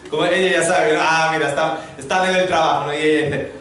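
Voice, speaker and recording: Man, preacher, high voice, humorous sermon, very echoey hall, faint noise. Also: distant mic. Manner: humorous storytelling, lively preaching to a congregation. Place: large hall before a congregation.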